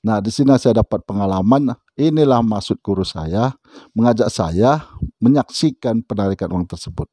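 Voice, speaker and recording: Man telling a story in a dark, dry voice. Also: on the low side, expressive, normal speed, dry recording. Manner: conversational, with frequent asides to the listener. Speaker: storyteller recounting a personal experience. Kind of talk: casual spoken storytelling.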